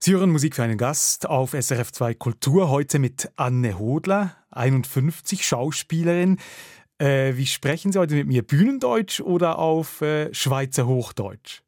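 A man's voice: on the high side, expressive, measured pace, darkish tone, no room sound, clean studio sound. A man hosting a radio interview with prepared questions and introductions. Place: dry radio studio.

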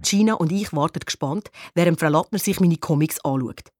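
A woman narrating a children's audiobook in an expressive, playful way. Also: low voice, fairly quick, no echo, studio quality, soft background music.

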